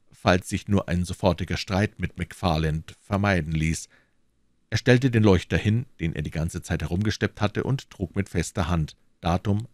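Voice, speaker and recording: A man reading an audiobook in a measured, dramatic storytelling manner. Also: sits low, darkish tone, dry recording, studio quality. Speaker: audiobook reader. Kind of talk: scripted audiobook narration.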